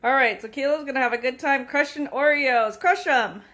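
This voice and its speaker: A woman's voice: high-pitched, moderate pace, noisy background. Encouraging woman narrating from behind the camera. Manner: encouraging, repeats praise between steps. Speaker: parent filming a child's cooking video. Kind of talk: off-camera narration of a home cooking video. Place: home kitchen, indoors.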